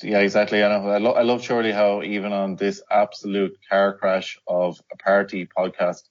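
A man's voice: fairly low pitch, level tone, normal speed. A man hosting a podcast with casual banter over an internet call. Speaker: podcast host. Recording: muffled internet call audio.

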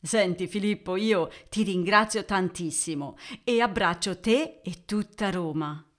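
A woman's voice: mid-range voice, a little slow. A woman presenting an interview podcast as its host, addressing listeners and putting questions to a guest.

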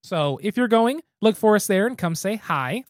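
An expressive, high-sitting male voice at normal speed co-hosts a podcast, casually working through a beer review out loud and restarting his phrases. Clean studio sound, no room sound.

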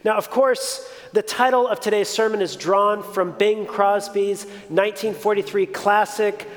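A man's voice: high voice, steady tone, measured pace. A man in his forties giving a conversational, reflective sermon as a pastor. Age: 40s. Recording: reverberant hall.

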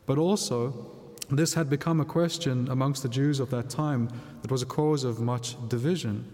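Male priest doing a gospel reading and homily, measured, big cathedral echo on everything. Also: medium pitch, steady tone, a little mellow. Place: large reverberant church.

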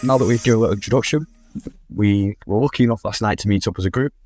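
Low-voiced male podcast host. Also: fast, darkish tone, dry recording, faint music behind. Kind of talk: hosting a podcast panel. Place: podcast room. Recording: slightly muffled podcast recording.

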